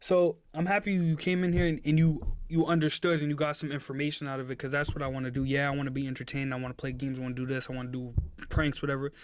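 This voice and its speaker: A man's voice: mid-range voice, flat delivery, fast talker, slight background noise. A twenty-year-old man chatting casually on a live stream, giving his chat an earnest, preachy pep talk.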